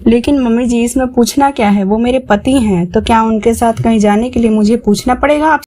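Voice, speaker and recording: A woman's voice: on the high side, fairly quick, dark tone, lightly acted. Brief: meek young bride, timid pleading storybook voice, by a woman. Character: meek young daughter-in-law.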